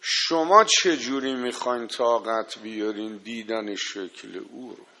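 Forceful-voiced preacher man, dramatic storytelling. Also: fairly low pitch, slight background noise. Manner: dramatic, emphatic, acts out quoted dialogue; addresses listeners directly with warning lists. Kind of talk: religious sermon with storytelling.

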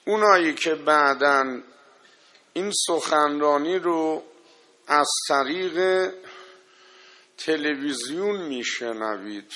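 A male preacher with a forceful, bright, fairly high voice delivers a sermon, dramatically retelling a story and voicing its dialogue. He then addresses his listeners with emphatic lists of warnings, driving each point home.

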